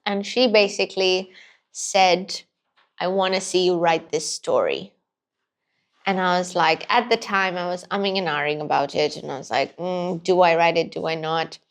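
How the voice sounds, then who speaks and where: A woman from Pakistan, a podcast guest, telling her story in a lively way and laughing often. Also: fairly low pitch, moderate pace. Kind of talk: casual interview chat.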